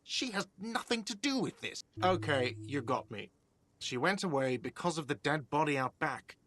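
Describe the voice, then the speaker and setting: An actor playing a whiny, irritable middle-aged cafeteria manager in a video game. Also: male voice, on the high side, lively intonation, moderate pace, a bit bright. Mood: irritated. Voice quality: whiny, defensive.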